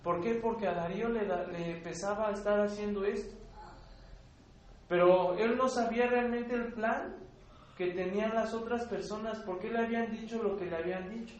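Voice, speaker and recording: Earnest Mexican male preacher, very high voice, loud when he reads scripture, faint noise behind him. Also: fairly even intonation, normal speed. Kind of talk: sermon. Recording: very echoey hall, faint background noise.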